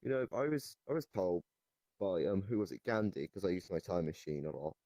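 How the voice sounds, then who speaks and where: In online voice chat inside a virtual reality game, a young man with a very deep, somewhat mellow voice improvises comedy casually. His delivery is deadpan, hesitant, and a little fast, and the sound is very dry with no room echo.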